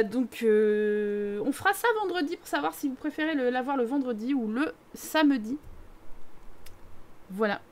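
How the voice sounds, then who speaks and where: Young parisian woman on a live stream, high voice, teasing chatter with viewers. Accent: Parisian French. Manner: chatty, teasing, reads chat aloud. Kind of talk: casual live-stream chat over gameplay.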